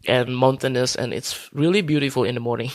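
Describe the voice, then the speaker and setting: A man from Indonesia in his thirties answers interview questions in a hesitant way, full of fillers and restarts. His voice is gravelly, and it is recorded dry and close. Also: medium pitch, fairly even intonation, fairly quick, no room sound. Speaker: guest consultant. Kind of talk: casual interview talk.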